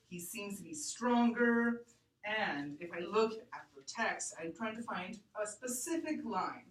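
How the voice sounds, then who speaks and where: A woman teacher reads a lesson aloud to her class, deliberate and expressive, thinking aloud as she goes. Her voice is mid-range, and the classroom sounds echoey, captured on a distant mic.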